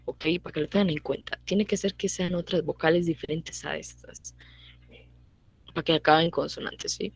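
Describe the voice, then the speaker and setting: A young woman teaching a relaxed online grammar class, with a lower voice recorded dry and close. She goes over each rule more than once and keeps checking in with her listeners through short tag questions. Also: gravelly, slightly rough, dry recording. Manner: repeats points and checks in with quick tag questions. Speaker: language teacher. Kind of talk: casual online grammar lesson.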